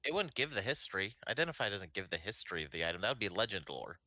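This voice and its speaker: A man's voice: lowish voice, big pitch swings, racing, a crowd in the background. A man playing a character in a tabletop game, haggling and arguing his case with the game master. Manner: argumentative, haggling. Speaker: player. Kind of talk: casual tabletop play.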